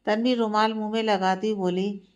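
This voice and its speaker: A woman storyteller reads a romantic family tale aloud. Her delivery is steady and expressive, in an ordinary mid-range pitch. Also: a little fast. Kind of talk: scripted story narration.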